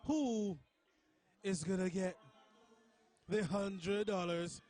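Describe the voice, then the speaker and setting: High-voiced Barbadian man calling futsal. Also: drawn-out words. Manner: chatty, breaks into excited shouts at chances. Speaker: match commentator. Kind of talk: live futsal commentary.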